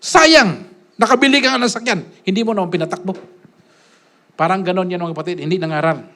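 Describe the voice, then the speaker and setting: A man preaching a sermon as pastor, swinging between loud, forceful lines and hushed asides, often tossing a quick question to the congregation. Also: sits high.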